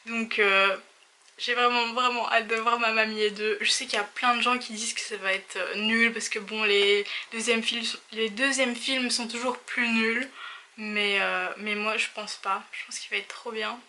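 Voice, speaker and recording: A woman vlogger talking casually in a reaction video, gushing and excitable, often breaking into exclamations. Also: a little high, moderate pace. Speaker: vlogger reacting to a film trailer.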